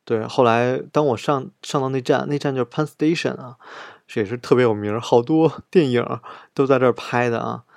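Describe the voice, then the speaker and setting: A man's voice: medium pitch, brisk, creaky, dry recording, studio quality. A man telling a chatty travel story, acting out what he and others said along the way. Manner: chatty, retells scenes with quoted dialogue. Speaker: travel vlogger. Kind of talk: casual storytelling monologue.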